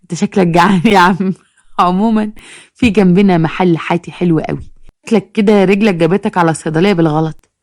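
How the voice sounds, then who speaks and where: A woman's voice: lowish voice, steady tone, fast talker, darkish tone, no echo, studio quality, lightly acted. A woman voicing an exasperated young Egyptian pharmacist who answers customers sarcastically. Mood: exasperated, sarcastic.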